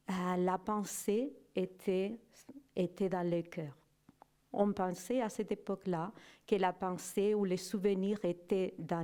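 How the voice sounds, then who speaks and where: A middle-aged woman with a Spanish accent, a native Spanish speaker, giving a personal testimony to an audience, slow and hesitant, searching for her words. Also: fairly low pitch, dark tone. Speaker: guest speaker.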